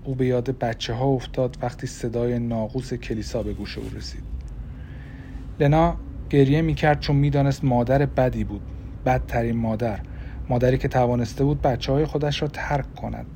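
A man narrating an audiobook novel in a calm, even storytelling manner. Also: medium pitch, slight background noise. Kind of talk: scripted narration.

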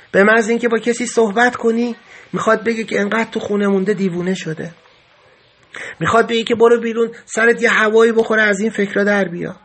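Husky high-voiced man narrating his memoir. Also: fairly bright tone. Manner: earnest, grave storytelling. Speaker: podcast narrator. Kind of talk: first-person memoir narration.

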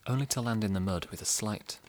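A man guiding a relaxation exercise and narrating a sleep story in a slow, soft, soothing way. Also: lowish voice.

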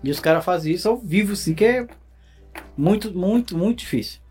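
A man's voice: high-pitched, expressive, brisk, a little mellow, soft background music. A man in casual conversation who chimes in eagerly and finishes the other speaker's sentences. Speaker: interviewer and cordel writer.

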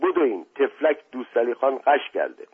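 A man voicing a frantic older male servant who shouts out of breath, in a husky voice on a phone-like recording. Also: mid-range voice, animated, pitched above the performer's own voice. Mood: urgent.

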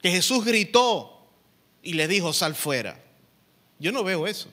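A man's voice: high-pitched, lively intonation, normal speed, fairly bright tone. A man preaching a sermon as pastor, in a conversational way and often checking that the congregation follows him.

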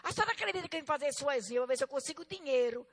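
A woman voicing a worried working mother, a manicurist, who pleads in a hurried way. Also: high voice, lively intonation, fairly bright tone, in a large hall.

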